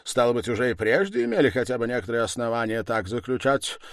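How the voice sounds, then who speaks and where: A man's voice: medium pitch, lively intonation, fast talker, no room sound, clean studio sound, pitched above the performer's own voice, lightly acted. A man voicing a pompous, scheming middle-aged lawyer with an unctuous, formal manner. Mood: pompous, insistent. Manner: unctuous, formal, rising insistence.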